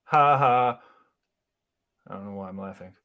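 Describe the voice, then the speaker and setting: A man in casual chat on a stream, teasing his friends and swearing freely in quick banter. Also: fairly low pitch, lo-fi sound.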